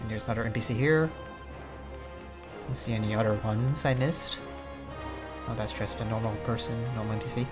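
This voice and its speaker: A man with a lowish voice hosts a gaming video, talking fairly quickly but leaving long pauses. His let's play commentary is understated and meandering, like thinking aloud, set against music.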